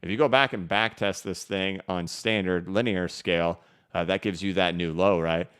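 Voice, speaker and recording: A crypto livestream host reads viewer messages and super chats, answering in a casual, rambling manner with many restarts. His low voice is fairly bright and clean, with fairly even intonation at a moderate pace, picked up on a studio microphone.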